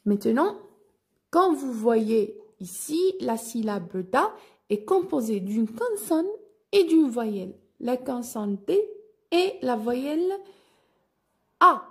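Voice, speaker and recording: Husky-voiced woman teacher, north african french accent, goes super slow over syllables, voice jumps up and down a lot. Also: a little high, big pitch swings. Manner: slow, clearly spelling out syllables. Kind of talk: slow phonics lesson for children.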